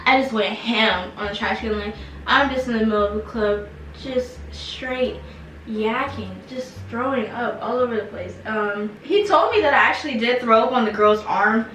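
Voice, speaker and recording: A young woman telling a casual storytime, animated and slangy with lots of fillers. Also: on the high side, normal speed, slight background noise. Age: young adult. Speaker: vlogger. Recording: echoey room, mic some distance off.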